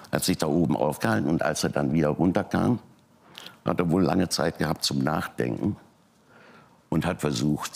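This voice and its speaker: An older man, a talk show guest, telling a personal family story and acting out the people he quotes. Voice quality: very deep, gravelly and husky. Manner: animated retelling, voicing quoted people.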